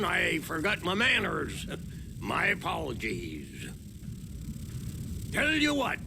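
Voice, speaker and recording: Old prospector miner: gravelly, animated, grumpy yet helpful folksy game character, music underneath. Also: male voice, high voice, exaggerated voice. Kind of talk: video game character acting. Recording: music behind the voice.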